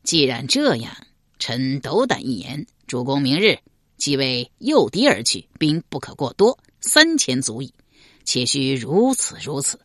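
A woman voicing a shrewd, calm male minister in a spoken historical novel, laying out plans step by step. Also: a bass voice, a little slow, dry recording, studio quality, voice pushed down, heavily acted. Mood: measured.

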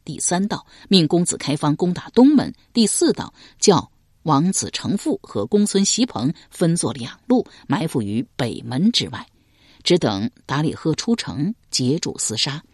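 A man's voice: on the high side, slightly rough, no room sound, studio quality. A man narrating a historical novel, telling it dramatically and voicing many characters. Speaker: storyteller.

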